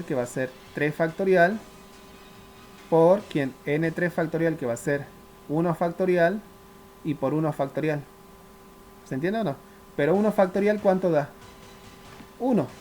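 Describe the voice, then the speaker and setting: A man's voice: a little high, a little mellow, slight background noise. A man teaching a math class, working through each step and often asking whether the students follow. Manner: works step by step, often checks understanding with the class; asks questions and answers them himself. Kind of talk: classroom lecture.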